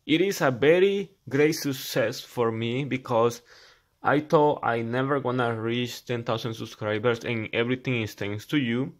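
Man, thirties, salvadoran spanish accent, earnest, plain phrasing, restarts often, casual talk to camera. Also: medium pitch. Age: 30s. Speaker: mechanic YouTuber. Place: indoors at a laptop.

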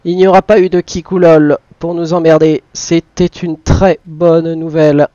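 A man with a high voice commentates a flight simulator session as the pilot. He mutters to himself between radio calls. The sound is close and dry, slightly dull. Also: little pitch movement, moderate pace, mellow, no room sound. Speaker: flight simulator streamer playing airline pilot. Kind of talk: live commentary mixed with aviation radio calls.

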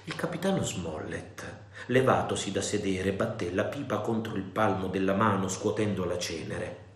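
A man reading an audiobook aloud in an expressive, theatrical manner. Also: sits low, moderate pace, reverberant. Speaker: audiobook reader. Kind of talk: audiobook narration.

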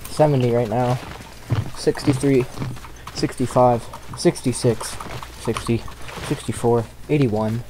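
18 yo american guy streaming, ribbing his buddy, laughing a lot, keys clicking loud underneath. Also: medium pitch, steady tone, slow pace, long pauses. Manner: teasing, laughs often. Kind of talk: casual gaming chat. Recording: noisy, keyboard clicks behind.

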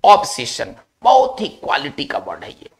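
A male teacher giving a spelling lesson, explaining slowly, repeating key words and checking in with his class. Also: on the high side, huge pitch swings.

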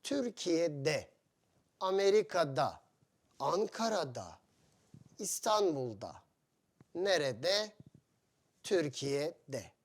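A male teacher speaks very slowly, one short phrase at a time, with a lively voice that rises and falls widely. He sits fairly high for a man and repeats each example patiently for foreign learners. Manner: slow, simple phrasing with many repetitions and questions to learners. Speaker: Turkish teacher. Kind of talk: language lesson for foreign learners.

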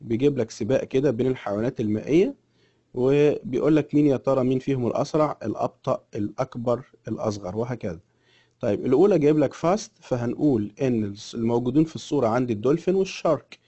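A man with an Egyptian Arabic accent teaching an English lesson. He reads English sentences slowly and deliberately, then explains them quickly in Arabic. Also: medium pitch, mellow, highs cut off.

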